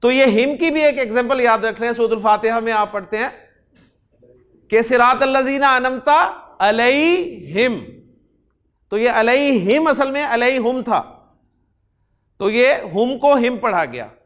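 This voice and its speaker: A man from Pakistan teaching Arabic grammar in a lecture, explaining step by step, slowing down to spell out Arabic words and answering his own questions. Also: extremely high pitch. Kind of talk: classroom lecture.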